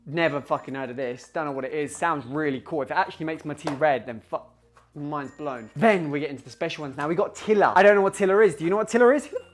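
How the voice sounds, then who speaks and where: Young male vlogger; excitable, rambling, sweary home-video delivery. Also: a little high. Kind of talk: casual vlog chat.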